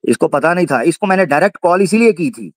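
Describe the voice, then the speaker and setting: A man's voice: on the high side, lively intonation, quick pace, dry recording. A man hosting a livestream debate, taunting and repeating his jabs in a heated call-out. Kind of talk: heated live call-out on stream.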